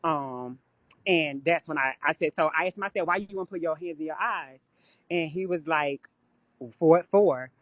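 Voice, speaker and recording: A woman's voice: sits low, moderate pace, no room sound. Blunt, profane woman telling stories. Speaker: guest on a live stream. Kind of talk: casual live-stream chat. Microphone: phone or webcam on a live stream.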